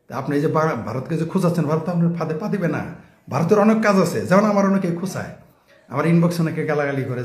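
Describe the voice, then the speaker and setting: Male commentator, scornful rhetorical style, slightly raised pitch. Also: a little mellow, reverberant. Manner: sarcastic, mocking, rhetorical questions. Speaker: political commentator. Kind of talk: casual ranting political monologue.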